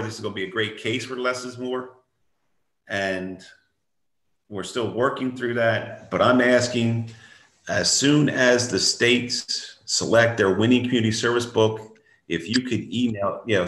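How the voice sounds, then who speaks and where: A man's voice: mid-range voice, normal speed, fairly bright tone. An older man giving a plainspoken, reassuring update over a video call from a room at home. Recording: echoey room.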